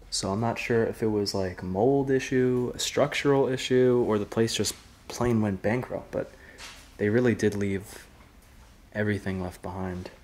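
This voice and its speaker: A man's voice: mid-range voice, a little hiss or hum. A young man hosting an exploration vlog, chatting casually with lots of "like" and "I mean" as he walks through an empty indoor diner, speaking into a camera held at arm's length. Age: young adult. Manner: relaxed, chatty, with a lot of "like" and "I mean". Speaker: urban explorer vlogger host.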